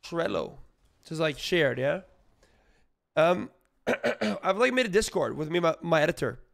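A man streaming live with a sick, hoarse voice, chatting casually with his viewers in a rambling way. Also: on the high side, very animated, measured pace, fairly bright tone. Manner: rambling, filler-heavy, greets chat.

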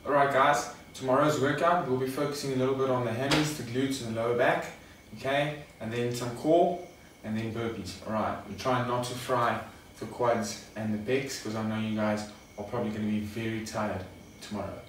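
A young adult male fitness coach demonstrates a workout in his garage home gym, casually instructing and calling viewers "guys." His mid-range voice is steady, brisk and a bit bright with few pauses. The camera sits a few metres away, so the sound is echoey and distant with faint noise.

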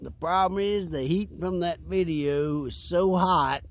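Man, vlog host, rambling laid-back beer chat, unhurried. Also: high voice. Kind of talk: casual beer-review chat by a fire.

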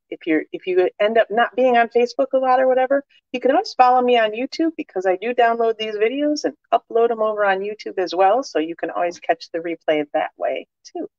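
A woman's voice: mid-range voice, darkish tone, dry recording, lo-fi sound. A woman with a slight cold, a crafting demonstrator chatting her way through a live-stream demonstration with many fillers and asides. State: slight cold, cough drop in mouth.

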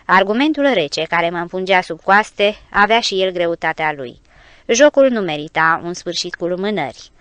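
A woman narrating an audiobook adventure tale in measured, expressive storytelling. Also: lowish voice, smooth, dry recording.

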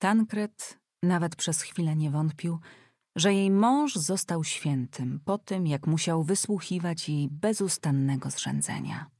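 A woman reads an audiobook aloud with lively expression, her voice on the low side for a woman. The recording is close and very dry, with no room around her. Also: takes it slowly, dry recording. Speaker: audiobook narrator. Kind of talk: scripted audiobook narration.

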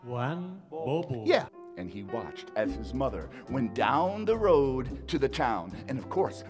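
A man's voice: medium pitch, darkish tone. A man telling folk tales to a live audience, playful and dramatic, mixing Spanish phrases into his English. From New York City. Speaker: storyteller. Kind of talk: lively storytelling performance. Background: salsa music.

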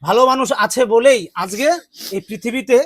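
A man from West Bengal hosting a charity vlog, calming someone with repeated gentle urging. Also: very high-pitched, a little fast, no room sound. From West Bengal, India. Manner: soothing, repetitive coaxing. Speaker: charity vlogger. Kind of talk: casual vlog talk.

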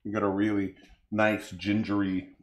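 A man's voice: fairly low pitch, level tone, normal speed, echoey room. A man co-hosting a cooking and drinks show, chatting casually as he mixes a cocktail, often trailing off and correcting himself. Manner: rambling, self-correcting, chatty. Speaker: co-host mixing cocktails. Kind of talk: casual chat.

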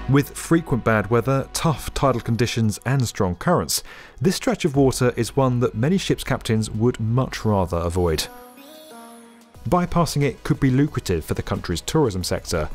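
A man narrating a scripted documentary in a lively, upbeat explainer manner. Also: medium pitch. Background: faint background music.

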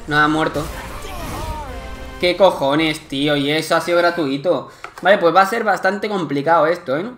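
A young man from Spain with a Spanish accent, commenting live on his gameplay, excitable and swearing often in frustrated outbursts. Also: a little high, moderate pace, faint music behind. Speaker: gaming youtuber.

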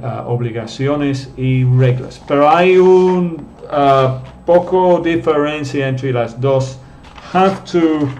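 A man's voice: medium pitch, a little mellow, a little hiss or hum. A man teaching a live online class, patiently explaining step by step and reading out viewer comments. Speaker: English teacher.

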